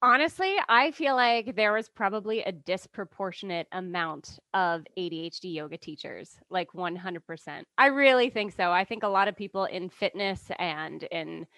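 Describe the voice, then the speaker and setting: A woman's voice: lowish voice, moderate pace, few pauses, fairly bright tone, dry recording. A woman chatting casually as a guest in a podcast interview. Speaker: podcast guest, yoga teacher.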